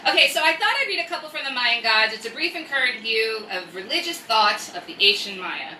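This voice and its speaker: With a brisk, expressive, sharp voice on the high side, this American host of a live story-time stream chats casually, rambling, joking and reading aloud. She is a native English speaker. The sound is echoey and distant with faint noise.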